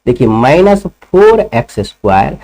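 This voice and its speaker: A man's voice: medium pitch, very animated, a little slow, mellow. A man teaching a school math lesson, explaining each step and often putting questions to his students. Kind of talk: classroom lesson.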